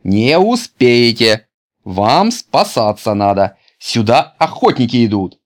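A man's voice: fairly high pitch, very animated, slow pace, voice pushed up, exaggerated voice. A man voicing an insistent schoolboy who talks urgently, in a children's storybook reading. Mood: shouting.

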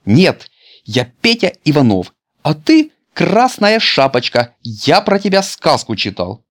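A man's voice: fairly high pitch, wildly swooping pitch, slow, voice pushed up, full character voice. A man voicing an insistent schoolboy who talks urgently, in a children's storybook reading.

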